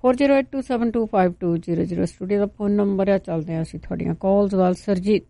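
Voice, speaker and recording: A woman hosting a radio call-in show, taking callers and answering them calmly and briefly. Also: mid-range voice, fast talker, no echo. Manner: calm, brief replies to callers. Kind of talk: radio call-in chat about home remedies.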